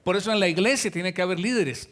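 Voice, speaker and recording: A man's voice: high-pitched, quick pace, a bit bright. A man preaching a sermon as pastor, talking to the congregation in a conversational way and acting out the voices he quotes. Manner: conversational preaching, addresses listeners directly, acts out quoted voices.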